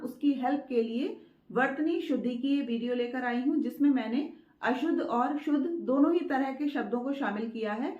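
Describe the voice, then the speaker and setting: Hosting her own channel, a Hindi teacher gives a spelling lesson to camera in a high, darkish-toned voice. She patiently repeats each word and poses and answers her own questions, and the recording sounds roomy, distant, and dull.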